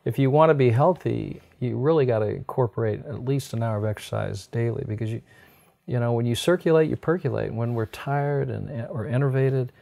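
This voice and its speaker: A health doctor who hosts a program sits on a sofa indoors, books lining the room, and offers folksy, explanatory advice in conversation. The middle-aged American talks fairly quickly in a mellow, creaky, mid-range voice.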